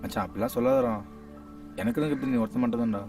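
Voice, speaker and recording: A man's voice: medium pitch, steady tone, rapid-fire, close to an everyday voice. An actor playing an earnest, lovesick young man who pleads with his friend, in film dialogue. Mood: pleading. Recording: distant film sound with music.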